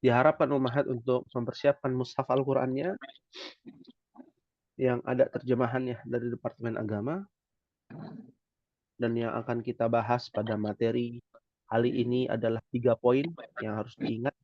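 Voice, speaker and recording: A man's voice: mid-range voice, little pitch movement, moderate pace, long pauses, no room sound, dull audio. A man teaching an Arabic class online, patiently explaining and checking in with his students. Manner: patient, repeats "ya" often.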